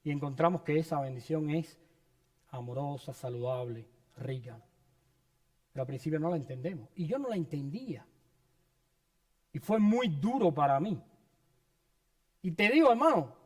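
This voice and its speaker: A man's voice: fairly high pitch, animated, normal speed, long pauses. A man preaching a sermon in a church, earnest and personal, sharing his own story and addressing the congregation as brothers. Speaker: pastor.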